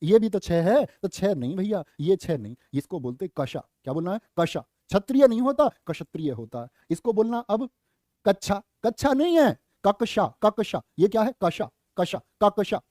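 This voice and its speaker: High-voiced Hindi exam-prep teacher, lively. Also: male voice, moderate pace, no room sound, studio quality. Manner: lively, questions students and answers himself; playful asides and jokes.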